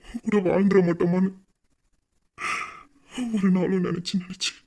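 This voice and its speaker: A man's voice: sits high, steady tone, moderate pace, mellow. A man voicing a young man who pleads for his lost love in an earnest audio drama monologue. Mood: longing.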